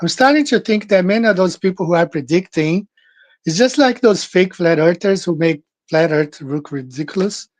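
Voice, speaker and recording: A channel host speaks alone to his viewers in a casual monologue on scripture, his voice sitting high and slightly raised. He's earnest and halting, with many restarts and fillers. The recording is dry and close, with no room sound.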